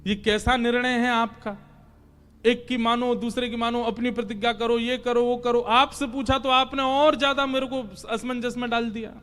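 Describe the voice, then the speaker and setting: A man's voice: very high-pitched, flat delivery, normal speed, a bit bright, smooth, big-room sound, pitched above the performer's own voice. A man voicing a bewildered young warrior prince in a storytelling sermon, complaining in exasperation. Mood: exasperated.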